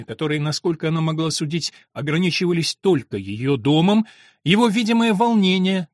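A man narrating an audiobook in a dramatic, expressive reading, close to a studio mic. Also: on the high side, no room sound.

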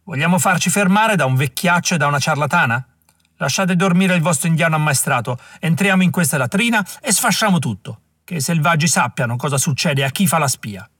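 A brutish German militia boss barking threats in a raised, strained voice, as an audiobook narrator puts him on. The tone is husky and dry, close to the mic. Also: male voice, on the high side, expressive, a little fast, dry recording, pitched above the performer's own voice. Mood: shouting. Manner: shouting, blustering. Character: furious brutish German militia leader, man.

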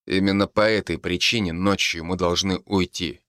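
A man voicing a steady male forester who speaks calmly and tersely. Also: low-pitched, normal speed, clear, resonant tone, no echo, studio quality. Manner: calm, terse.

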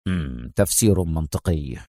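A man's voice: lively intonation, unhurried, dark tone, dry recording, clean studio sound. A man voicing a composed secret agent who speaks firmly and with restraint, in an audiobook. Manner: firm, low, restrained. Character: firm, composed male secret agent hero. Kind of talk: audiobook character voice.

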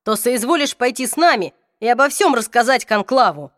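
A stern young warrior gives urgent commands, as a woman reader puts him on. The voice stays fairly high for a man, read close and dry. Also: expressive, a little fast, a bit bright, dry recording.

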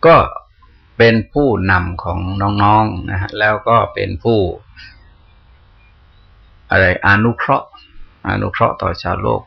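A man's voice: lowish voice, steady tone, takes it slowly, gravelly, pauses often, breathy edge. A man, a Buddhist monk, giving a conversational dharma talk, asking questions aloud and answering them himself. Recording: dull lo-fi recording.

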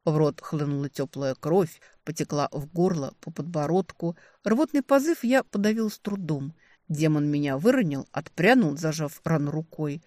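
An audiobook narrator reading a dark fantasy novel in an expressive, dramatic way. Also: medium pitch, moderate pace, no room sound.

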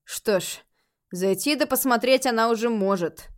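A hulking bearded man with a biker's bluntness, as a woman reads him. He talks gruffly and plainly, without ceremony. A storybook reading. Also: fairly high pitch, normal speed, close to an everyday voice. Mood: blunt.

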